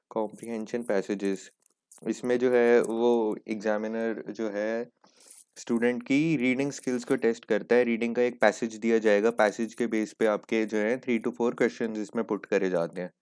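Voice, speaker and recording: Smooth-voiced male teacher. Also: fairly low pitch, a little mellow. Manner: explains patiently, repeats "ठीक है" often; reads English examples slowly. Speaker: exam prep teacher. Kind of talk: casual Hindi-English lesson.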